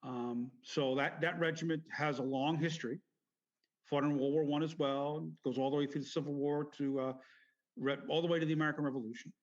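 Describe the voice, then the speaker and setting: A middle-aged man with a somewhat high-set voice is being interviewed as a veteran. He rambles through his recollections, pausing and correcting himself as he goes. The sound is muffled and lo-fi. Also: steady tone. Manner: halting, meandering, self-correcting. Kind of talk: rambling personal storytelling interview. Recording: dull lo-fi audio.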